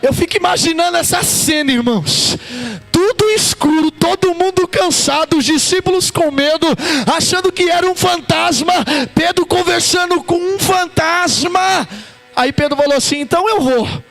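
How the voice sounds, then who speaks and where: A man with a Brazilian Portuguese accent, a pastor preaching a fervent Pentecostal sermon in a church, often shouting and chanting his phrases. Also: very high voice, moderate pace, faint music behind.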